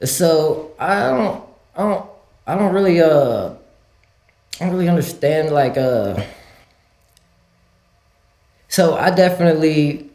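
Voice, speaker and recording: A skateboarder appearing as a podcast guest, this man comes from Louisiana and Mexico and speaks with a mix of both accents. He tells stories loosely and casually, packed with "like"s and restarts, in a slow, often pausing delivery. His voice sits on the high side with lively intonation and a slightly mellow quality, and the room is echoey.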